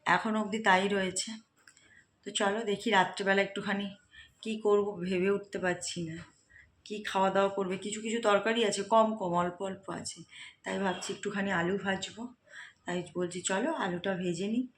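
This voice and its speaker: A woman's voice: mid-range voice, steady tone, moderate pace, a bit bright. A middle-aged woman, chatting casually to her viewers at home while she has a cold and a stuffy nose. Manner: chatty, homely, addresses viewers directly. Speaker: lifestyle vlogger.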